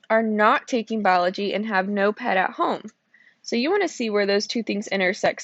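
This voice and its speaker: A woman's voice: medium pitch, dry recording, highs cut off. A woman teacher walking through probability problems step by step, sleepy and checking in with "okay?" as she goes. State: sleepy, yawning. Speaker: math teacher. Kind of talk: recorded classroom lesson walkthrough.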